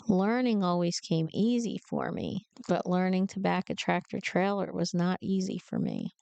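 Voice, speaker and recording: Woman from New Jersey, truck driver, lower-pitched, gravelly and smooth, lively personal storyteller. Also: no room sound. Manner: animated, emotional storytelling.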